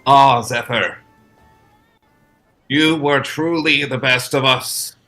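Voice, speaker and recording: A man playing a disguised town guard with a shaky stab at a Scottish accent, loudly apologizing in public. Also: medium pitch, steady tone, slow, faint music behind, poor audio. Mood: overwrought. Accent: failed attempt at Scottish. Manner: loud, theatrical public apology. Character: overwrought, tearful disguised male town guard.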